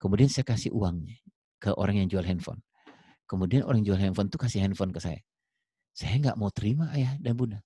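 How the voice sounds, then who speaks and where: A middle-aged parenting speaker talks directly to parents, calling them ayah and bunda, and acts out little dialogues in raised voices as a lively storyteller to make his points. His lowish, slightly rough voice moves a little fast, captured in studio quality with no echo.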